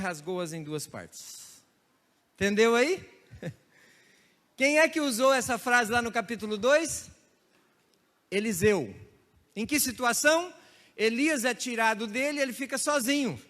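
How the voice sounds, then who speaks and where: High-voiced pastor preaching in a church. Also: male voice, fairly bright tone. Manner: storytelling with playful regional imitations and laughter. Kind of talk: sermon. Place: church hall. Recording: church hall reverb.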